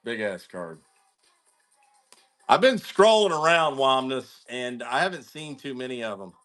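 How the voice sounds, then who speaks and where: A man's voice: mid-range voice, very animated, measured pace, fairly bright tone, soft background music. A man hosting a live card-breaking stream, chatting casually in slang and greeting viewers by name. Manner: laid-back, slangy, talks to viewers by name. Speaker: card-breaking livestream host.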